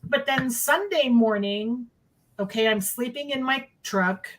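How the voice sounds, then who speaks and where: A woman's voice: a little high, a little slow. A middle-aged woman tells a personal story in a casual, conversational way. She is emphatic and repeats phrases for effect. She speaks from indoors over a video call. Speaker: guest recounting sightings.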